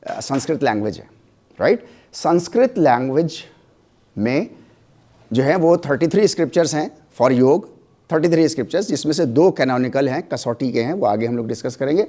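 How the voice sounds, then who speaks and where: A man's voice: a little high, mellow. A man giving a yoga lecture to students. He switches between Hindi and English, often checks in with "right?", and has the class repeat words aloud after him. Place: lecture hall.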